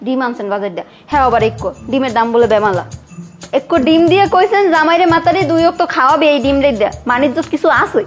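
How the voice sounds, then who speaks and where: Woman acting as a scolding young wife, high voice, soft music under it. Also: animated, fast talker. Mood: reproachful. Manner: scolding, argumentative. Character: young wife, scolding, defends then confronts her father. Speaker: young wife, daughter of the house. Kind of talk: village comedy drama acting.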